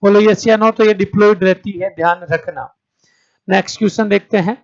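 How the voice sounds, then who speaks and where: Man, teacher, exam-prep lecture, high voice, asks and answers his own questions, dull lo-fi sound. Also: fairly even intonation, fairly quick. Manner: repeats questions to the class and answers them; calls students 'beta', checks understanding with 'theek hai'.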